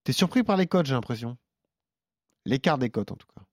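A man's voice: mid-range voice, lively intonation, a little fast, darkish tone, no room sound, studio quality. Chatty man reading betting odds. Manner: reads out odds and stats, chatty. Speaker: sports betting show host. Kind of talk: casual chat.

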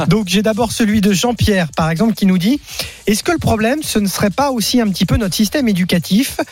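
A man's voice: high-pitched, a little fast, slightly rough. A man with an accent from France, reading listeners' messages aloud on a radio show. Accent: French from France.

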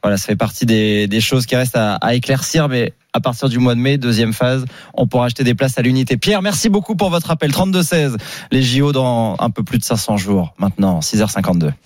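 A man hosting a live radio morning show, chatting casually and introducing his columnists, with a relaxed manner and many hesitant fillers. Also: medium pitch, brisk, no room sound, studio quality. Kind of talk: live radio talk and call-in. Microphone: studio microphone.

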